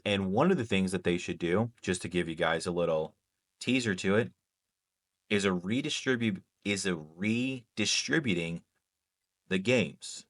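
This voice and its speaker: A young man with a low voice rants to his viewers about a game, heated and cursing freely. He keeps pausing to ask "okay?". The sound is dry and close, with no room around it. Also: fairly bright tone, no echo. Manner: heated, profane, repeats "okay?". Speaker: gaming YouTuber. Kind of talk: ranting commentary to camera.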